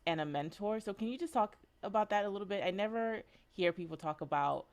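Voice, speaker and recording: A woman hosting a podcast interview, affirming her guest warmly and asking questions with frequent "um"s. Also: medium pitch, expressive, brisk. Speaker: podcast host. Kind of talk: casual interview talk.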